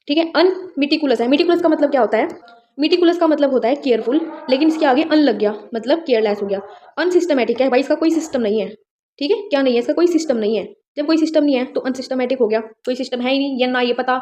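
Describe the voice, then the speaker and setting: High-voiced woman teaching vocabulary. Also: dark tone. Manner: explains words with memory tricks, often checks "ठीक है?". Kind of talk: exam-prep vocabulary lesson. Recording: dull, lo-fi sound.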